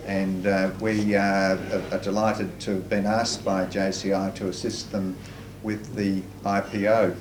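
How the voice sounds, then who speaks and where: A man speaking as a stockbroker in a formal business interview, measured and restarting his phrases. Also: deep voice, little pitch movement. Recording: echoey, distant, noisy room.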